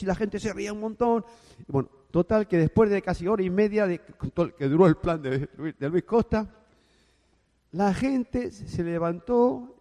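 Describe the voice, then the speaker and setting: A man telling a business anecdote, animated and acting out the dialogue with sound effects. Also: high-pitched, in a large hall. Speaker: speaker telling his business story. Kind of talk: anecdotal motivational talk.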